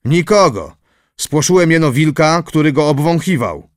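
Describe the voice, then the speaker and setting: A man voicing an agitated male forester who reports in a hurried, excited way, in an audiobook reading. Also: on the high side, no room sound, studio quality, pitched above the performer's own voice, lightly acted. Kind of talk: audiobook character voice.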